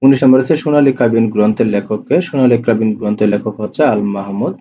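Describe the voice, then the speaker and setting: A man's voice: lowish voice, racing, dark tone. A man with a Bangladeshi Bengali accent working through exam questions as a tutor, reading each question and then repeating the answer. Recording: dull lo-fi voice-over with faint hiss.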